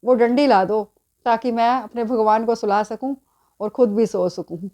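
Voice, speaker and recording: A woman's voice: a little high, steady tone, normal speed, dark tone, natural voice. A woman voicing an elderly male devotee who insistently pleads with God in a devotional story. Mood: earnest.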